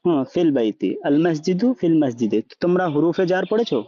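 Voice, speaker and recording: A man with a warm, fairly high voice teaches a language class, talking fast and expressively. He quizzes his students, keeps checking they're following, and slips English words into his speech, all on a dull lo-fi recording.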